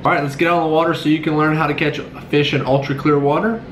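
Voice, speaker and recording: A man's voice: on the high side, fairly even intonation, fast talker, slight background noise. Upbeat man in his thirties, roomy. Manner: upbeat, direct to camera. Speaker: fishing channel host. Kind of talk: casual video intro. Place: small indoor room. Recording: roomy indoor echo.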